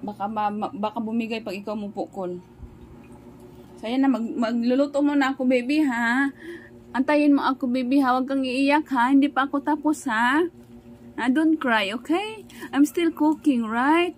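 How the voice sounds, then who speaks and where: A young mother with a Visayan accent chats casually through a home vlog from her kitchen. Her voice sits a little high, and she drifts into a sing-song baby-talk tone when she speaks to her children. A faint hiss of background noise stays under her voice. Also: fairly even intonation, normal speed. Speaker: family vlogger and mother.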